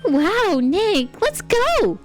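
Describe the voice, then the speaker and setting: A woman voicing an excitable, cheerful teenage girl sidekick who squeals with enthusiasm. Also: very high-pitched, extremely slow, soft background music, voice pushed up, exaggerated voice. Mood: excited.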